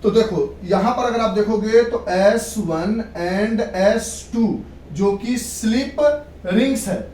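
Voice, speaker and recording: Her mid-range voice is warm and slow as she lectures on physics to a class. She repeats key points, makes sure students follow and slips in English terms, while the echoey room, distant mic and background noise color the audio.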